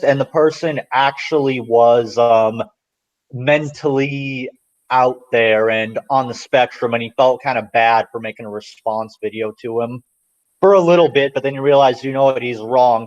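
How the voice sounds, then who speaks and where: A man in a casual podcast chat, talking bluntly and rambling through his opinions. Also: medium pitch. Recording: dull lo-fi sound.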